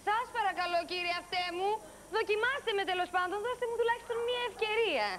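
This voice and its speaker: A woman's voice: very high voice, a bit bright, slight background noise. An actress playing a very tall, naive, shy young woman auditioning for a TV presenter job, with a coy, sing-song voice. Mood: coy pleading. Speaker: applicant for a TV prize-presenter job. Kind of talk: TV sketch comedy acting.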